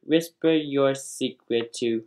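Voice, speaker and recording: A woman's voice: extremely low pitch, takes it slowly, darkish tone. A woman hosting a playful pretend game show, rambling and stumbling over the questions as she reads.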